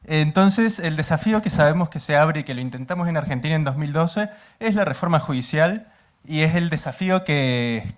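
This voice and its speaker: A man in a university auditorium puts a careful, earnest question to the panel. His voice is fairly high for a man. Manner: earnest, measured, uses inclusive language. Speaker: audience member asking a question.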